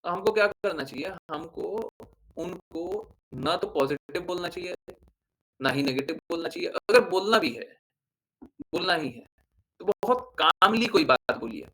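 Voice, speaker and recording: A man's voice: high voice, expressive, unhurried, a bit bright, poor audio. A man giving a devotional discourse as a spiritual teacher, explaining with everyday examples, asking rhetorical questions and checking in with his listeners.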